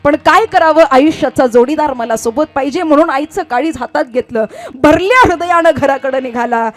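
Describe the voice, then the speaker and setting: A woman preacher telling a devotional sermon story in an impassioned way, moving between soft lines and loud outbursts. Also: sits high, normal speed. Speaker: kirtan preacher.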